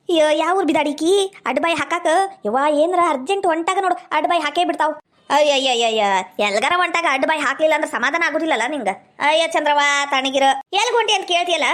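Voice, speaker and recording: Very high-voiced North Karnataka village woman. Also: a bit bright. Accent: North Karnataka Kannada. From Gadag region, Karnataka. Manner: chatty gossiping banter, rustic dialect. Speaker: village woman in comedy skit. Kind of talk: scripted village comedy skit.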